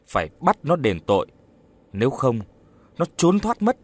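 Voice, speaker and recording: A man's voice: lowish voice, animated, normal speed, a little mellow. A man voicing the determined ghost of a young husband in a storybook horror tale. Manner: urgent, determined.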